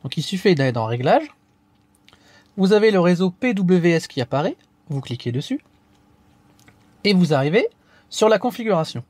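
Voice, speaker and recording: Male tutorial host, fairly high voice, dry close sound, hesitant delivery with lots of fillers. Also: sing-song, moderate pace, pauses often, a little mellow, no room sound. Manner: hesitant, frequent fillers and restarts. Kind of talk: casual step-by-step tutorial.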